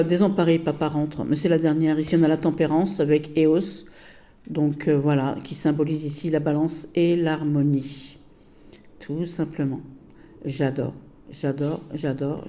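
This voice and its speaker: Chatty woman going through tarot cards at home, super mellow voice, keeps saying how gorgeous stuff is, trails off looking for words. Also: low voice. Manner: gushing, repeats praise, hesitant word-searching. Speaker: tarot deck reviewer. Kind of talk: casual card-by-card deck review.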